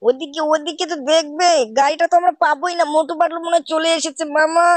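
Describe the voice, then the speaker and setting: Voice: very high-pitched, little pitch movement, fast, no room sound, voice pushed up. A gamer voicing a whiny little cartoon boy nephew who pleads with his uncle in every sentence. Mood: eager. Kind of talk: cartoon voice over gameplay.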